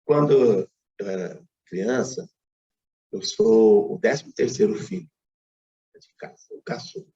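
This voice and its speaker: A man's voice: on the low side, animated, a little slow, warm tone, roomy sound, lo-fi sound. A Brazilian man giving a spiritist public lecture, telling a story with frequent asides and tag questions. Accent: Brazilian Portuguese. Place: lecture hall.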